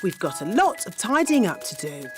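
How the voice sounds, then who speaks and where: A woman's voice: mid-range voice, sing-song, music in the background, close to an everyday voice. A woman playing Nanny Plum, a breezy fairy nanny. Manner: brisk, breezy and matter-of-fact. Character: bossy, scatterbrained fairy nanny. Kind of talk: animated children's cartoon voice acting.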